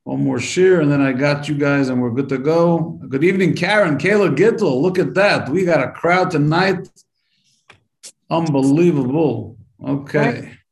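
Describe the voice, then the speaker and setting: A man's voice: a little high, moderate pace, gravelly, roomy sound, rough recording. A man teaching a live-streamed Torah lesson, chatty and upbeat as he greets viewers by name and then explains the text. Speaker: rabbi teaching a weekly Torah class.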